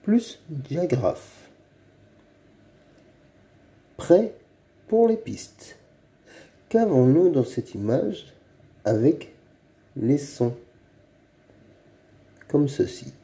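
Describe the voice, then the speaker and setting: Slow, mellow man teaching phonics. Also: a little high, expressive. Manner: slow, drawn-out, repeats each word. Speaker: reading teacher. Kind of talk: slow phonics lesson for young children.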